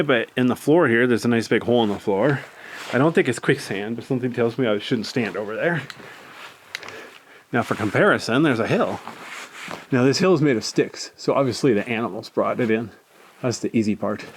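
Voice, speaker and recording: A man giving a casual, rambling tour commentary in a laid-back manner, filming himself exploring inside a cave. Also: medium pitch. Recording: clear background noise, handheld cave recording.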